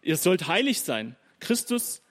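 A man preaching a sermon, telling Bible stories in a lively, chatty way and briefly acting out the people in them. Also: high-pitched. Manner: lively storytelling, acting out biblical figures in quick asides.

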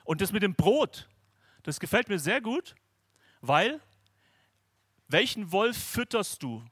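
A middle-aged man preaching a sermon at a camp, lively, acting out inner voices and dialogue. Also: high-pitched, slow pace, slightly rough, dry recording, studio quality.

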